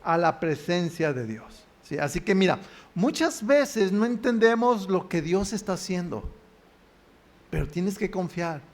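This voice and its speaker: A man's voice: sits high, very animated, unhurried. A man with a Mexican Spanish accent preaching a sermon in a church, often asking the congregation questions and answering them himself. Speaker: pastor.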